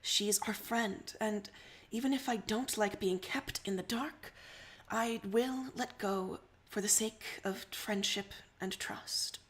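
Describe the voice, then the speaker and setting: A woman reading aloud as a composed, dry young woman friend with measured, formal phrasing. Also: mid-range voice, fairly bright tone.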